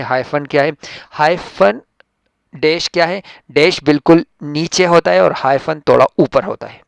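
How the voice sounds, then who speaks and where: Male tutor, from Pakistan, mid-pitched gravelly voice, patient explainer, dry close-mic lesson recording. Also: no room sound. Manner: explains patiently, reads English sentences slowly and emphatically. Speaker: English teacher. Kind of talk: classroom-style textbook lesson.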